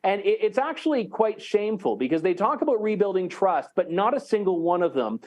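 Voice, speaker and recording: A man's voice: high voice, big pitch swings, fairly quick, darkish tone. A man, a journalist, joining an interview remotely and answering in a dry, wry, matter-of-fact way. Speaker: journalist guest.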